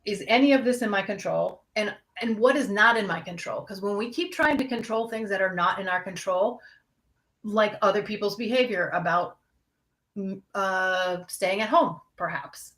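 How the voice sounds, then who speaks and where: A young adult woman speaks as a counselor, candid and conversational. Her pitch sits in the middle range, and she talks straight to her listeners about coping with worry. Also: normal speed, a bit bright. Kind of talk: casual talk on anxiety.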